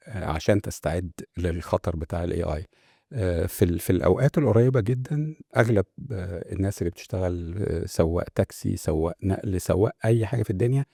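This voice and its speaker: Man, Egyptian accent, motivational podcast host, dark mellow tone, rapid delivery, rhetorical questions. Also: deep voice, creaky, slightly rough, no room sound, studio quality. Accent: Egyptian Arabic. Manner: explains with rhetorical questions and checks in with "right?". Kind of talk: motivational talk monologue.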